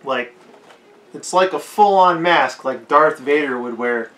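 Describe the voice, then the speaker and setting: A man with a hoarse, fading voice giving a rambling, unscripted movie commentary, leaning hard on "like". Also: fairly high pitch, unhurried, a bit bright. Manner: rambling, heavy use of "like". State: hoarse, losing his voice. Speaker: film commentator. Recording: echoey roomy recording.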